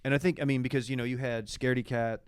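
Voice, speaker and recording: A man's voice: mid-range voice, flat delivery, rapid-fire, clear, resonant tone, no room sound, studio quality. A man co-hosting a podcast in casual, joking, talkative chat. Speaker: podcast co-host.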